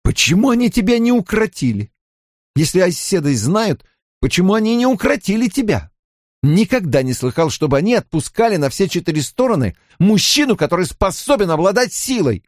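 A man's voice: high voice, very animated, normal speed, a little mellow, dry recording, studio quality, voice pushed up. A man voicing a panicky young man who curses and exclaims frantically in an audiobook reading.

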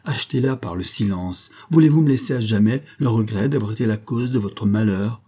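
A man's voice: on the low side, a little fast, lightly acted. A man voicing a spirited, teasing young stage actress in a read-aloud historical story, raised well above his own voice. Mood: pleading. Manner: bright, teasing, pleading. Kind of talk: audiobook reading.

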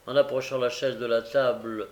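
A man narrating a classic novel as an audiobook in a measured, plain manner. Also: mid-range voice, flat delivery, darkish tone.

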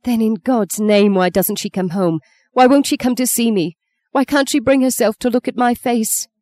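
A woman's voice: lowish voice, sing-song, normal speed, mellow, dry recording. A woman voicing a grieving older mother, anguished. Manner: anguished, pleading.

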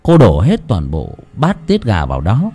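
Animated male horror storyteller. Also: on the low side, slightly rough. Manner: slow, dramatic storytelling. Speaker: narrator. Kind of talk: scripted horror story narration.

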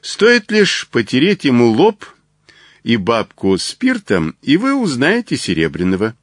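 A man's voice: mid-range voice, wildly swooping pitch, no room sound, studio quality, voice pushed up. A man reading the part of a composed, unflappable middle-aged detective in a storybook reading. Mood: explaining. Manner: unflappable, measured.

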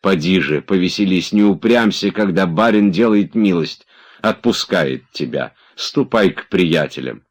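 A man's voice: low-pitched, expressive, unhurried. A man voicing an impatient nobleman who nervously pushes and orders his servants about. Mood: urging. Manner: urgent, commanding, nervous. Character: agitated impatient male nobleman.

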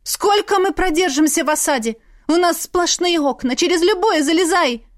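A frightened but defiant mother in an audiobook, her voice pitched high and urgent, as a woman narrator puts her on. She pleads and snaps in sharp exclamations. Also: moderate pace, lightly acted. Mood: alarmed. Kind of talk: audiobook character reading.

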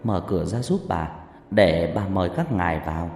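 A man's voice: low voice, sing-song, normal speed, creaky, darkish tone, pitched below the performer's own voice, exaggerated voice. A man voicing a stern old female shaman who speaks in a grave, admonishing way. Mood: grave warning. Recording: reverberant hall with background music.

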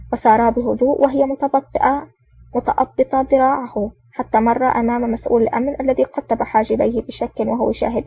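Fast, flat-voiced woman narrator. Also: on the high side, husky, dry recording. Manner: brisk, even reading with small slips and restarts. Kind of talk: audiobook reading of an action novel. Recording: dull lo-fi audio.

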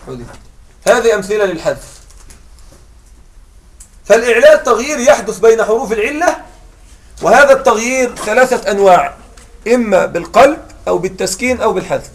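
A man's voice: high-pitched, animated, fast, long pauses, distant mic. A man teaching an Arabic grammar lesson, patiently explaining step by step and checking that students follow. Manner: patient, checks understanding with repeated questions. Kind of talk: classroom lesson.

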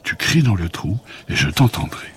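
A man voicing Blu, a tiny and polite female fluff-ball creature, in a raised, gentle, childlike voice. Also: low-pitched, big pitch swings, moderate pace, heavy background noise.

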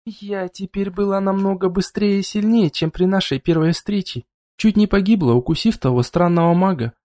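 High-voiced, mellow male audiobook reader. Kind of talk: scripted first-person narration.

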